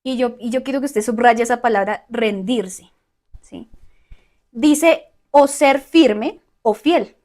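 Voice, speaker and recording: A woman teaching a Bible study, often checking in with her listeners and listing word meanings slowly. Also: on the high side, a little mellow. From Colombia.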